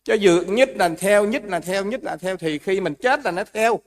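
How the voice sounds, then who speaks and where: A man's voice: high-pitched, moderate pace. A man giving a Buddhist dharma talk, explaining with everyday examples and asking the audience questions. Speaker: Buddhist monk teacher.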